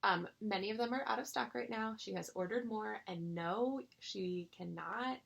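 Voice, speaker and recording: A woman chatting casually to her viewers about her stitching, gushing with excitable bursts and rambling restarts. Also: medium pitch, moderate pace, creaky. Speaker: cross-stitch vlogger.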